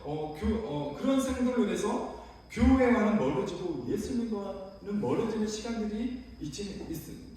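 Brief: young male preacher, high voice, heartfelt testimony style, recorded far off in a reverberant church hall. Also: a little mellow. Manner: heartfelt personal testimony with many fillers. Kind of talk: sermon. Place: church sanctuary.

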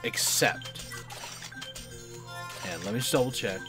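A man's voice: mid-range voice, slow pace. A man on a live stream giving casual gameplay commentary into a headset, with game music behind him.

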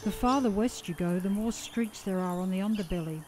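A woman with an Australian accent giving calm, scripted nature documentary narration as a voice-over. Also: mid-range voice, brisk, a little hiss or hum.

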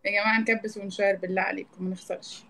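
A woman's voice: medium pitch, level tone, rapid-fire, creaky, a bit bright, low-quality recording. A woman with an Egyptian accent on a live stream, cheering viewers on and repeatedly calling on them to tap and share. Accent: Egyptian Arabic. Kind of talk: casual live-stream banter.

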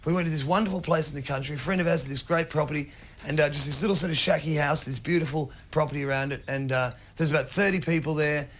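A middle-aged man doing stand-up, telling a rambling story with sudden shouted bits, recorded live on stage. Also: on the high side, fairly even intonation, fast talker. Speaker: stand-up comedian. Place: comedy stage before an audience.

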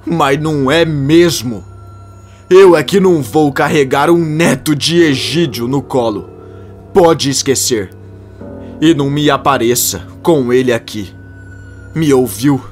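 A man reading as a bitter older farmer stuck in a wheelchair, shouting in anger with a Brazilian accent. The lines come slowly and somewhat higher than a plain reading voice. Faint music plays behind. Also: lively intonation. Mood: furious. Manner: raised, shouting delivery.

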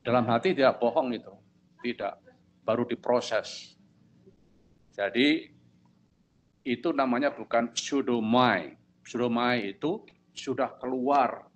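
Male pastor, sermon delivery, anecdotal and animated, mid-pitched voice, checks in with listeners. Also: takes it slowly, long pauses, a little hiss or hum. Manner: storytelling preacher, acts out dialogue with lively pitch jumps; asks the congregation if they follow.

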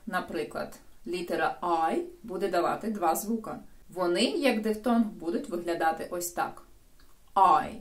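A woman teaching English pronunciation in a video lesson, explaining each sound to her viewers. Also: mid-range voice. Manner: lively, explanatory, addresses viewers directly.

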